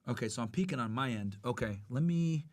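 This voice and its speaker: A man's voice: mid-range voice, lively intonation, brisk, a little mellow, no room sound. A man on a voice call whose audio peaks and jumps in level because it runs through a mixing board, checking his settings aloud. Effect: overdriven, peaking audio with uneven gain from a mixing board. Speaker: guest, former federal agent. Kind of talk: casual voice call. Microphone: computer mic through a mixing board on a voice call.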